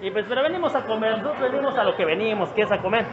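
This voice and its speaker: A man's voice: high voice, expressive, very fast, over music. Mexican guy vlogging at an outdoor restaurant, chatty and repetitive, kinda muffled audio with a crowd around. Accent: Mexican Spanish. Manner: chatty, greets people by name, repeats phrases. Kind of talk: casual walk-around narration. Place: open-air roadside restaurant.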